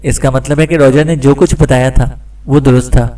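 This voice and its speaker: A man narrating a suspense audiobook with steady storytelling delivery. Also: medium pitch, brisk, recorded from a distance, rough recording. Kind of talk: scripted narration.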